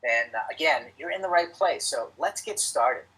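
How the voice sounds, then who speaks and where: A man's voice: a little high, animated, moderate pace, pushed and bright, breathy edge, low-quality recording. A middle-aged man presenting a live webinar to financial advisors, emphatic and coaching, repeating his key points.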